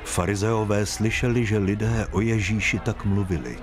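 A man narrating a Bible story in a steady, even storytelling voice. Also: on the low side, music in the background.

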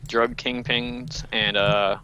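A man with a mid-range voice jokes around while gaming with friends. He sounds laid-back and quick to laugh. A faint layer of noise runs beneath his voice. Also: mid-range voice, level tone, pushed and bright, muffled recording. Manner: joking, laid-back, giggly. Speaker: Minecraft player, channel co-host. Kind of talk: casual gaming chat with friends.

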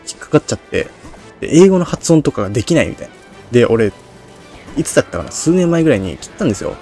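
In a casual Let's Play, a male game streamer rambles self-deprecatingly about a game, with slurred diction that's hard to follow. He has a medium-pitched, darkish voice.

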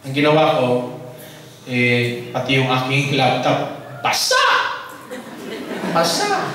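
Priest telling a story in a sermon. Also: male voice, mid-range voice, a little slow. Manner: animated storyteller acting out dialogue. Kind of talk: sermon testimony. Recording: distant mic in very echoey hall.

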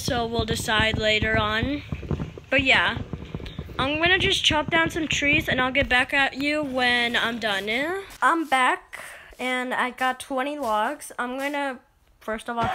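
A woman's voice: high-pitched, noisy background. A woman hosting a casual let's play, rambling along with many filler sounds as she plays. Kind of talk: casual gameplay commentary.

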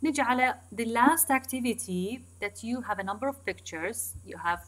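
A woman with an Iraqi Arabic accent giving a recorded English lesson, switching between Arabic and slow, deliberate English and repeating key points to her students. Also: a little high. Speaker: English teacher. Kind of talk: recorded online lecture.

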